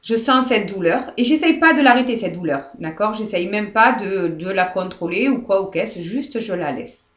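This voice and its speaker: A French woman therapist guiding viewers through releasing anger, speaking softly and hesitantly, often asking "d'accord?" and near tears. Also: medium pitch, animated, moderate pace, few pauses. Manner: soft, repetitive, often checks with "d'accord?"; hesitant, many fillers and restarts. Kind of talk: live guided demonstration. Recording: echoey room.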